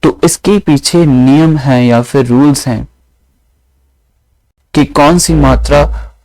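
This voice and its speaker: A man gives a devotional grammar lesson in a mellow, darker voice. He explains patiently and restates each point with a second word. The sound is dry and close, with no room echo. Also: medium pitch. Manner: slow, explanatory, repeats phrases with synonyms. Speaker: Gurbani grammar teacher.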